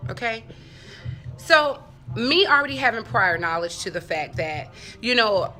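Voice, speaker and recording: A woman vlogger at medium pitch shares a story with her viewers in a relaxed, humorous way. She's animated and profane, peppering it with conversational asides and acting out bits of dialogue.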